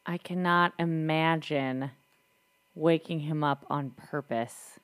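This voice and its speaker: Low-voiced young woman, dry close sound. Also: steady tone, slow, smooth, no echo. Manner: easygoing, affirming. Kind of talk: casual chat about parenting.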